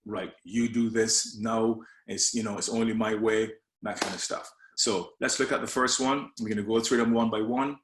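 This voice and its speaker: Man, low voice, friendly coach presentation, hesitant with fillers, echoey room. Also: fairly even intonation, normal speed, few pauses, slight background noise. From Barbados. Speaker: life coach presenting a leadership talk. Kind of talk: presentation with slides.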